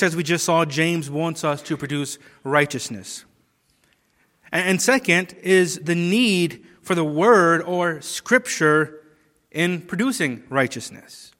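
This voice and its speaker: A man delivers an expository sermon at an unhurried, measured pace, his voice sitting a little high. He stresses key phrases with rises and drops. The sound carries the long reverb of a large hall. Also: a bit bright. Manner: slow, deliberate preaching with emphatic rises and falls. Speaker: preacher.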